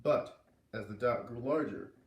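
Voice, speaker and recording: A man reads to children a little slowly, bouncing between character voices with wide pitch leaps in his mid-range voice. The audio sounds roomy and somewhat distant, as if captured from across the room.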